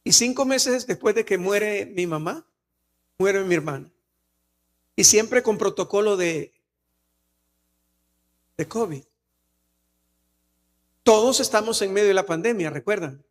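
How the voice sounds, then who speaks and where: With long pauses and an unhurried pace, a pastor speaking Spanish with a Salvadoran accent preaches from the pulpit. His high voice has lively intonation, and his earnest, personal message sometimes peaks in emphatic cries.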